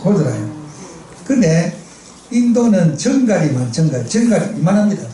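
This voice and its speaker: A man's voice: high-pitched, big pitch swings, moderate pace, warm tone. A middle-aged man with a Gyeongsang accent preaching a sermon in a church, telling funny stories and prompting the congregation for replies. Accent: Gyeongsang dialect Korean. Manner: chatty, storytelling, asks the congregation for responses. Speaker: missionary preacher. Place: church sanctuary. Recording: echoey church hall, distant mic.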